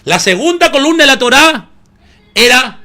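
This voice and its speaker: An expressive, very high male voice with a sharp tone carries this sermon at a moderate pace. The pastor preaches emphatically, addressing listeners as "hermano" again and again and putting rhetorical questions to them.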